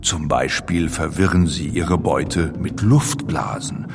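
A man's voice: extremely low pitch, slow pace, big-room sound, music in the background, heavily acted. A man playing an easygoing, boastful, friendly giant blue whale, explaining things colloquially in a playful children's audio feature. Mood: chummy, explaining. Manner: colloquial, addresses the young listener directly.

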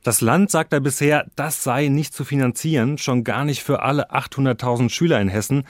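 A man's voice: medium pitch, a little fast, dry recording, studio quality. A man reporting as a political correspondent on the radio in a conversational, analytical way.

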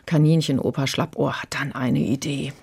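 A woman's voice: very deep voice, steady tone, moderate pace, creaky, a little mellow, slightly rough. A woman reviewing a children's audiobook in a chatty radio discussion. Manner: chatty, retelling a plot. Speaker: book critic.

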